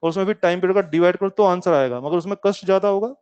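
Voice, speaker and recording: A man's voice: high voice, racing, darkish tone, clear, resonant tone. A man teaching a physics class in with a coaxing, playful manner, calling his students kids and urging them on. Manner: playful, calls himself lazy. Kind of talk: online classroom lecture. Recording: slightly muffled lecture recording.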